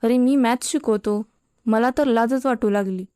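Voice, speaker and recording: A woman's voice: a little high, moderate pace, mellow, dry recording, studio quality, close to an everyday voice. A woman voicing a stern but kind middle-aged male math teacher, scolding his students.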